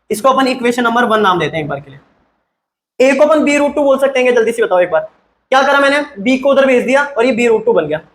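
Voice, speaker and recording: A man with a high voice teaches maths, firing quick check-questions at his students and pushing for fast answers. He mixes English maths terms into his Hindi. The sound is echoey, as if recorded in a bare room. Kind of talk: classroom-style maths lesson.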